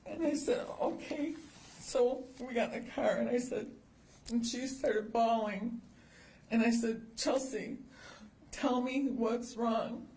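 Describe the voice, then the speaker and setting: A woman's voice: a little high, unhurried, dark tone. A woman speaking in court as the mother of a victim, grieving as she quotes her daughter. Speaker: victim's mother giving a statement. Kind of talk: courtroom statement. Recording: echoey courtroom, distant mic.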